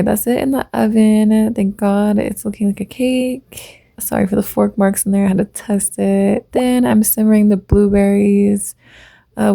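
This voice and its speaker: Gravelly-voiced woman narrating her baking. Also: mid-range voice, dark tone, no echo. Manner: chatty, self-deprecating, light laughs. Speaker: vlogger.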